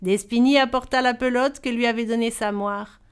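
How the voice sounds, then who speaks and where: A woman reading a fairy tale aloud as storyteller, expressive and varied in delivery. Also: a little high, moderate pace, clear, resonant tone.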